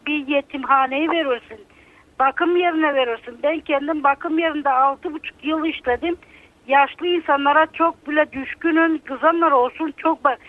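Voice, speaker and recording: An older woman, calling in to a radio show over a landline phone and bitterly airing her grievances. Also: sits high. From Bulgaria. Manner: bitter, aggrieved, emotional complaining. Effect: heard over a landline phone. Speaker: radio call-in listener. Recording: narrow tinny phone line.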